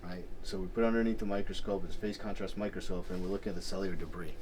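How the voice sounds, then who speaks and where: A man's voice: low voice, steady tone, very fast, a little mellow, slight background noise. A male dentist explaining things in his office, emphatic and often checking in with "right?". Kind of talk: casual explanatory conversation. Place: dental office.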